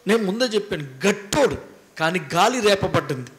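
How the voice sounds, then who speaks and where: A man's voice: sits high, sing-song, fairly quick. A man preaching a sermon as pastor, emphatic and repetitive in his delivery.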